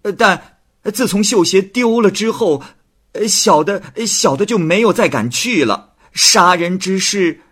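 A man's voice: high-pitched, lively intonation, a little slow, fairly bright tone, husky, pitched above the performer's own voice, exaggerated voice. A man voicing a nervous young man who stammers and hesitates under interrogation, in a storytelling reading.

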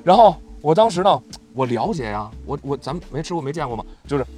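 A young man tells a story as a podcast guest, talking fast and laughing often. His pitch swings widely as he acts out the voices in his story. Faint music plays in the background. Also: big pitch swings, darkish tone.

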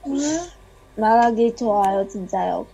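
A woman's voice: mid-range voice, fairly even intonation, a little slow, gravelly, mellow, dull audio, a little hiss or hum. A young woman from China speaking Korean with a Chinese accent as an interview guest, hesitant and self-deprecating in casual chat. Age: young adult.

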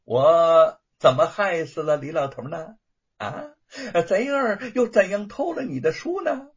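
A man's voice: fairly high pitch, animated, measured pace, breathy edge, highs cut off, pitched above the performer's own voice, heavily acted. A man voicing a gloating, spoiled young lordling who sneers and cackles at his rival in a storybook tale. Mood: scornful.

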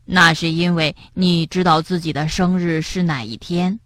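A woman doing a soft, sighing sad frog. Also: on the low side, fairly even intonation, normal speed, no echo, studio quality, voice pushed down, close to an everyday voice. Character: sad, gentle young male frog.

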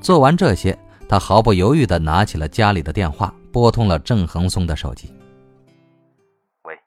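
A man narrating an audiobook story in an expressive reading style. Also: sits low, fairly quick, soft background music.

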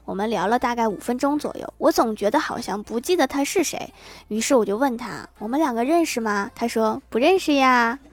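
Woman podcast host, fairly high voice, animated joke reader who laughs at her own punchlines. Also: fairly quick. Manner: animated delivery with punchy raised lines. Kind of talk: reading jokes on a comedy podcast.

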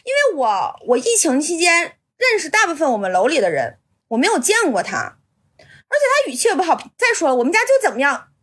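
Young woman, twenties, storytelling chat, high, lively and fast. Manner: animated, indignant, acting out quotes. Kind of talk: casual chat, retelling a story.

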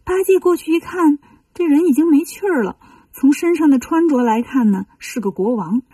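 A woman telling a children's story, reading in a gentle, lively way. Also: sits high, normal speed, dry recording, far from the mic.

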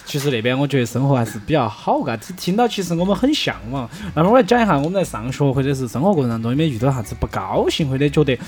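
A man's voice: mid-range voice, sing-song, racing, few pauses, darkish tone. A man with a Sichuan accent co-hosting a casual chat.

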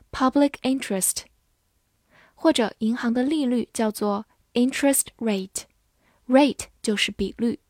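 A woman teaching English vocabulary, spelling words letter by letter and modelling slow repetitions. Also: fairly high pitch, no echo, studio quality. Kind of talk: vocabulary lesson, spelling and slow read-alouds.

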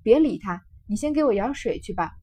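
A woman's voice: a little high, animated, brisk, warm tone, husky. A woman reading a proud, sensitive young lady. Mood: coy.

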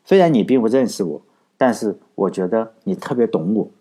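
A man's voice: on the low side, animated, fairly quick, warm tone, breathy edge. Man doing a shy, devoted young woman. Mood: tender. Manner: tender, admiring.

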